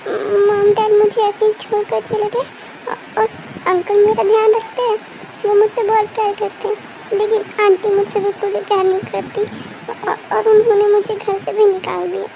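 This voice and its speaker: A woman's voice: very high-pitched, little pitch movement, normal speed, noisy background. A woman voicing a heartbroken young woman who stammers and sobs through her words. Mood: tearful.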